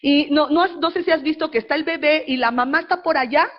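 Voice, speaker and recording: High-voiced woman pastor preaching. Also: quick pace, lo-fi sound. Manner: conversational, asks the congregation questions. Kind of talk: sermon.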